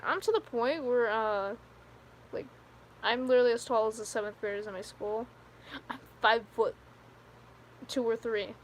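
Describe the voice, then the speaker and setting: A woman's voice: on the high side, a little hiss or hum. A fifteen-year-old girl chatting on a live stream, telling rambling stories with lots of giggles and fillers. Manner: giggly, rambling storyteller with many "like"s. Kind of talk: casual live stream chat with viewers.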